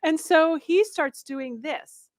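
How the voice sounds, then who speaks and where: A woman's voice: high voice, takes it slowly, dry recording, clean studio sound. A woman in her forties, a guest author and coach on a radio talk show, telling a story and acting out the dialogue.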